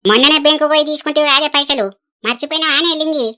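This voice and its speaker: A woman's voice: high-pitched, very fast, sharp tone. A woman voicing an old village woman on a pension who gossips and chatters. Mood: chatty. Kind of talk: cartoon voice acting.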